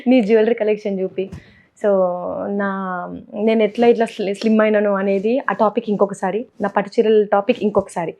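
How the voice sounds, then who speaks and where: A young woman vlogger with a Telangana Telugu accent chats playfully, sprinkling English words into her casual talk. Her voice is mid-range with a darkish tone, and the sound is dull and lo-fi.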